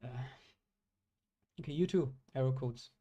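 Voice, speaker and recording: Halting young man. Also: mid-range voice, warm tone, lo-fi sound. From Bangladesh. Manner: halting, self-correcting, many fillers. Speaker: streamer coding live. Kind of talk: live coding stream, thinking aloud.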